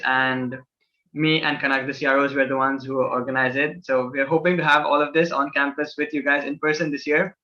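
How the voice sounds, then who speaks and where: A man's voice: fairly high pitch, pushed and bright, dull audio. A young man from a student association casually presenting campus events to new students, with many fillers and restarts.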